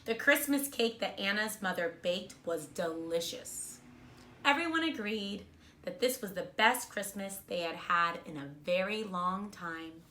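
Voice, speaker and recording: A woman reading a storybook aloud to young children in a kindergarten teacher voice, expressively and deliberately, explaining words simply as she goes. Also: medium pitch, lively intonation, pushed and bright, slight background noise.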